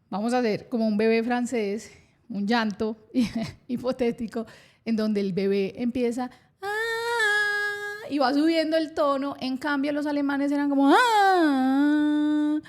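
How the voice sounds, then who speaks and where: A woman's voice: a little high, a little mellow. A woman hosting a science podcast, explaining with enthusiasm and an occasional laugh. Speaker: podcast host.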